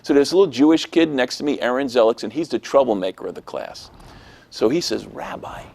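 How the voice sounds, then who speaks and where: A man telling a personal testimony in an interview, animated and acting out the voices of people he quotes. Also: mid-range voice, fast talker, gravelly.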